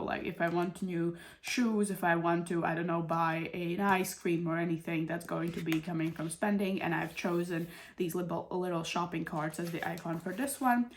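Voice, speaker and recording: A woman's voice: on the low side, a little hiss or hum. A woman from Europe with a cold, talking casually through a stuffed-up nose as she explains things to her channel's viewers. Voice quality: stuffed-up, congested nasal voice. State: sick with a cold and runny nose. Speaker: budgeting channel host. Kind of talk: casual explanatory vlog talk.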